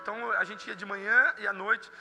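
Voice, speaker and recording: A high-voiced man preaches to a congregation. His voice rings through a large hall with a long reverb. Music plays clearly behind him. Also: fairly even intonation, fairly quick. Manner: storytelling, building to impassioned shouting. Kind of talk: sermon. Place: church service.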